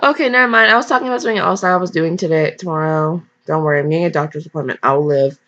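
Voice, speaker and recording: Very fast and a bit bright despite her deep voice, a woman reads fan fiction casually, stumbling and stopping for jokey, chatty remarks. The mic is dull and lo-fi.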